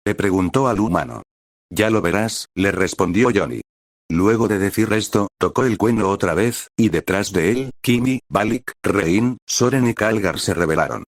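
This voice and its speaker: A man narrating a fantasy adventure story in a steady, measured reading. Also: low voice, no echo, studio quality.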